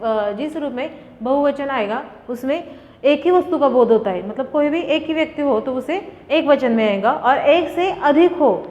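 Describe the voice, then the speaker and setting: A woman teacher explaining grammar to students, asking questions and answering them herself, with many fillers. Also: sits high. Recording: dull lo-fi sound with long reverb.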